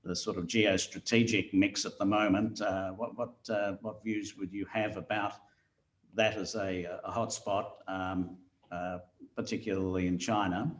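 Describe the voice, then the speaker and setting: A man's voice: lowish voice, level tone, a little slow, roomy sound. A man moderating a webinar, reading out audience questions hesitantly with many filler sounds.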